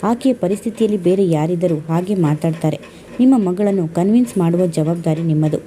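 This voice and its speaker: A woman narrator voicing a young male suitor who speaks in a measured, apologetic way. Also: on the low side, dark tone, close to an everyday voice. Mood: remorseful. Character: young man, calm and remorseful groom.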